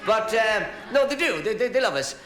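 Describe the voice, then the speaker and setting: A man's voice: high-pitched, very animated, normal speed, pushed and bright. An Irish man doing stand-up, telling jokes to a live audience and chuckling at his own punchlines. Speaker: comedian. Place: live show before an audience. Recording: roomy live-room echo.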